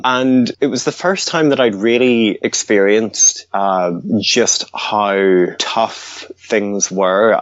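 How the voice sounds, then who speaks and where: A man from Northern Ireland, raised in the Scottish Highlands, answering interview questions in a hesitant way, full of ums and restarts. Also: no echo, highs cut off. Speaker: guest, research advocacy director. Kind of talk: interview conversation.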